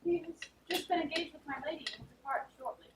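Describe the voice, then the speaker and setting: An actress playing a dutiful lady's maid in a live stage play, formal and hurried. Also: high-pitched, noisy background, natural voice. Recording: echoey stage from far off, faint ambience.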